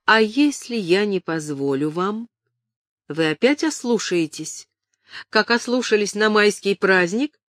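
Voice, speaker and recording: A reader voicing a spirited young noble lady who gives sharp, commanding orders. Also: mid-range voice, animated, measured pace, no room sound, studio quality. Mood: cold. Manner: sharp, imperious calls.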